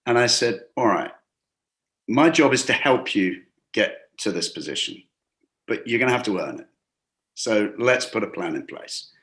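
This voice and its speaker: His lowish, slightly bright voice is expressive and moves at normal speed. The man, a hospitality business coach who lives and works in a Gulf city, is an interview guest recounting workplace stories loosely, with frequent restarts and acted-out quotes.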